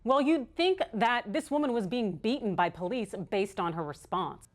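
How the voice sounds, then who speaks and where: A woman's voice: on the high side, expressive, moderate pace, slight background noise. An American woman hosting a news show, delivering scripted opinion commentary in an emphatic, sardonic way. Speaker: online news show host.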